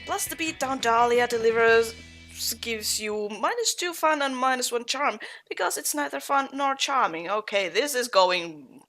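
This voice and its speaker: A woman's voice: fairly high pitch, lively intonation, normal speed, a bit bright, faint music behind. A woman hosting a gaming video, casually commenting and reading the game's text aloud.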